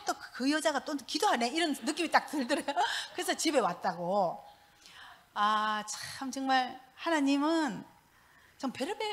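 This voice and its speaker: A middle-aged woman gives a church testimony. Her voice sits fairly high and swoops up and down as she tells her story in an animated way. She laughs often as she talks. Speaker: pastor's wife giving testimony.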